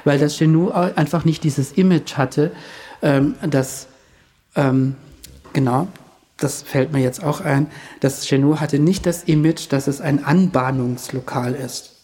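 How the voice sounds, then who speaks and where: A man with a dark, mellow voice talks through history in a loose, conversational way. He hesitates often, restarts sentences and adds speculative asides as he thinks aloud. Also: on the high side, steady tone, a little slow. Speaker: historian guest.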